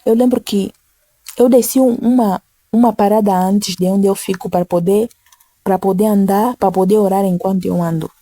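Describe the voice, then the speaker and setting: A woman preaching informally, earnest and repeating her phrases, slowing down to read scripture softly. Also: mid-range voice, fairly even intonation, no room sound. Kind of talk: informal devotional teaching.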